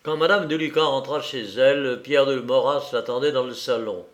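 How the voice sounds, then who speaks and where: A man narrating a classic novel in a measured, unhurried reading. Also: mid-range voice. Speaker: audiobook narrator.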